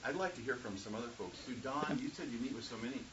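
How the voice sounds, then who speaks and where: A man's voice: mid-range voice, rapid-fire, far from the mic. A man hosting a casual panel discussion, telling folksy stories and acting out other people's voices. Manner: folksy storyteller, acts out voices in anecdotes. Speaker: host. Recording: muffled recording with hiss.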